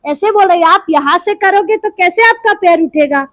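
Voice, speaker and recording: A woman's voice: very high voice, moderate pace, a bit bright, no room sound, poor audio. A woman yoga teacher with a sore throat, counting reps and scolding her class into holding their poses. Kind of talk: live group class instruction. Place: indoor yoga class room.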